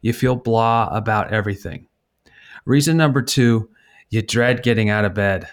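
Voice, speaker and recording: A man's voice: on the low side, normal speed. A middle-aged man co-hosting a podcast in casual comedic chat, teasing his friend while reading articles aloud. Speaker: podcast co-host.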